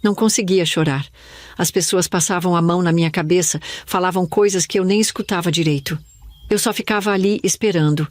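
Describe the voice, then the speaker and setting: An older woman from Brazil telling a sad childhood memory in first person, in a slow, somber storytelling manner. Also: fairly low pitch, dry recording, studio quality. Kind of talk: scripted first-person narration.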